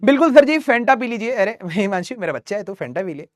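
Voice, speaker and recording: A man's voice: sits high, sing-song, a little fast, no room sound, clean studio sound. A young man teaching math live online, teasing students and reading their chat messages.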